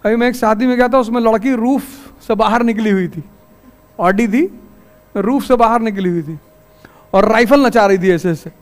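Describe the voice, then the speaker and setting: A man's voice: sits high, normal speed, faint music behind. A man teaching a civil services exam class in a classroom, lecturing in a folksy, anecdotal way full of stories.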